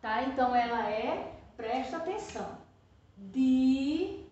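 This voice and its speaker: High-voiced teacher in an echoey room. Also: female voice, expressive. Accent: Brazilian Portuguese. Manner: patient, repeats "tá?" after nearly every phrase; slow, drawn-out stressing of example words. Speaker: primary school teacher. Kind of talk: remote lesson for young children. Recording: echoey room, distant from the mic, slightly muffled.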